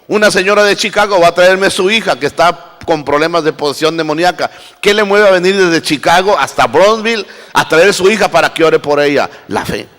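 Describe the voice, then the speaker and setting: A man preaching a sermon as pastor, swinging between loud cries and hushed lines. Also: on the high side. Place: church hall. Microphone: handheld microphone. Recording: live church recording with long reverb.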